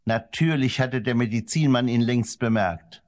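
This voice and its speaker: A man narrating a children's story in a gentle, expressive way. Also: moderate pace. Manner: gentle and expressive, varies the pitch to suit the story. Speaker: audiobook narrator.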